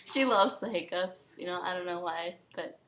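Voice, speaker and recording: A woman's voice: on the low side, moderate pace, fairly bright tone. A teenage girl chatting casually to camera with a friend, laughing often and rambling.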